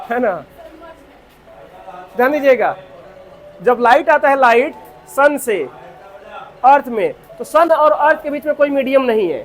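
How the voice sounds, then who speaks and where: A man teaching a physics class. He asks the students questions and answers them himself, and dictates notes slowly with many repetitions. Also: extremely high pitch.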